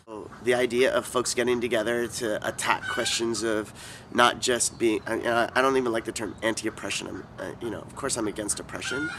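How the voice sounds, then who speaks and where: A man in his forties from California with a fairly low voice, answering interview questions thoughtfully and haltingly, stopping often to restart his sentences. He is recorded outdoors in a city, with clear street noise behind him. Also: steady tone. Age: 40s. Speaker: interviewee, activist.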